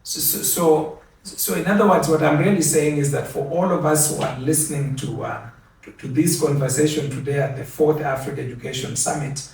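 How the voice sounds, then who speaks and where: Older man, from Kenya, formal acceptance speech, earnest, repeats phrases, slightly high pitch, far from mic, strong room echo. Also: gravelly, a little mellow. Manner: measured, earnest, repeats words for emphasis. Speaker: award recipient giving acceptance speech. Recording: very echoey, from a distance.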